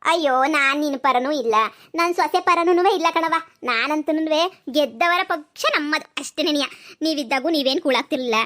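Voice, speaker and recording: Cartoon granny: old, greedy, chatty, high and drawn-out, voiced by a woman. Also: a bit bright. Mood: rambling. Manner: rambling, drawn-out, food-obsessed chatter. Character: greedy gossipy old village grandmother. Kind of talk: cartoon comedy voice acting.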